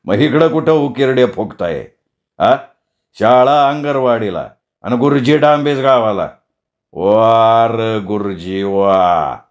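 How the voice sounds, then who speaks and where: A man's voice: medium pitch, lively intonation, unhurried, lo-fi sound. A man voicing a hot-headed, dim village wrestler who threatens and bullies. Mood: menacing. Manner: gruff, bullying.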